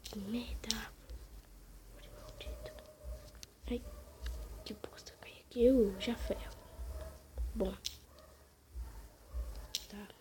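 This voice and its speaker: Whispering throughout so her sleeping family isn't disturbed, a Brazilian-accented gaming channel host gives relaxed gameplay commentary at home at night. Her slightly high voice holds a steady tone but goes extremely slowly, with long pauses.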